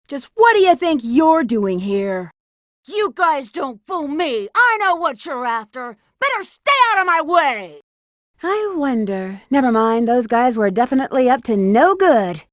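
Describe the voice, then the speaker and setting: A sassy, flirtatious female bat treasure hunter for a video game. Her high voice swings animatedly up and down with teasing confidence. The sound is close and dry. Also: very animated, a little slow, no room sound. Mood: wary, sassy.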